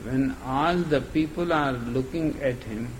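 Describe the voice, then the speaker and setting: A man telling a joke slowly, laughing as he tells it. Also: mid-range voice. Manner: slow, laughing through the telling. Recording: noisy background ambience.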